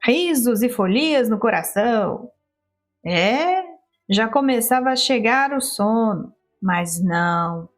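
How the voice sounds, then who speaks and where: A woman reading a first-person literary story aloud in an expressive, theatrical storytelling manner. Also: a little high, slow pace, soft background music. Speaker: audiobook reader.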